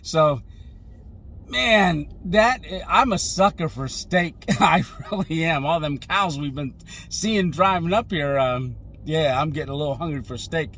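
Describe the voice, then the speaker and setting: A man's voice: fairly high pitch, a little slow, a bit bright. A man chatting casually and off the cuff as a travel vlogger, folksy and full of exclamations. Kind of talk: casual unscripted travel vlog chat. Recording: noisy outdoor wind and vehicle noise.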